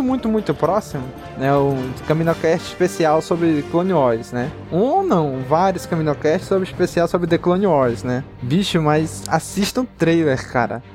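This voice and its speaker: A man with a Brazilian Portuguese accent co-hosting a podcast, chatting casually and effusively in slangy, emphatic fan talk. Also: fairly high pitch. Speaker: podcast co-host. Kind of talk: excited casual fan chat. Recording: music behind the voice. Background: music.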